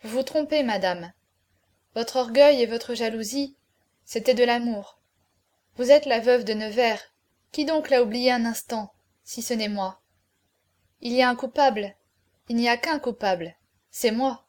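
A woman voicing a noble condemned male hero, speaking in solemn, measured farewell speeches in an audiobook. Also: on the high side, a little mellow, natural voice. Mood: grave. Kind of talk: audiobook character reading.

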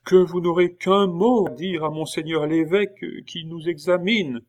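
A man's voice: fairly high pitch, steady tone, normal speed, pitched above the performer's own voice, lightly acted. Brief: anxious wheedling schoolboy, storybook reading, raised and pleading, voiced by a man. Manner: begging, wheedling.

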